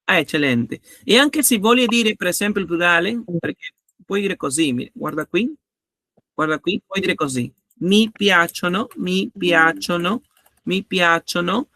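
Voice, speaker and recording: A man's voice: sits high, expressive, a little slow, pushed and bright, no echo, clean studio sound. A man teaching a grammar lesson, patiently repeating each example and checking that students follow. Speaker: language teacher.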